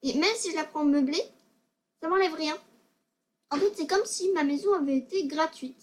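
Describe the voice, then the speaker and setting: A woman's voice: high voice, normal speed. A female gaming video maker giving casual tutorial commentary, hesitant and self-conscious, often stammering and repeating words.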